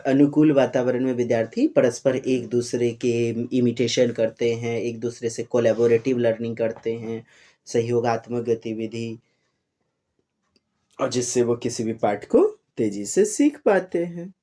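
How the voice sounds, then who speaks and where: A man's voice: medium pitch, measured pace, mellow. A man teaching an exam-prep lesson, reading Sanskrit questions and explaining them in Hindi, often turning to his listeners with emphatic questions. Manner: mixes Hindi, Sanskrit and English, calls listeners "sahab", rising emphatic bursts.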